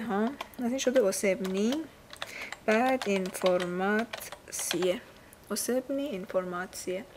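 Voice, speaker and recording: A woman teaching a language lesson in a casual, patient way, pausing often with filler sounds. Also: mid-range voice, a little mellow, a little hiss or hum.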